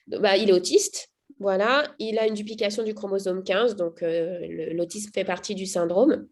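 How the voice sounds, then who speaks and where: A woman's voice: medium pitch, fairly even intonation, moderate pace, darkish tone. Hesitant woman giving a testimonial. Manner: hesitant, many fillers and restarts. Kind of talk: casual spoken testimonial.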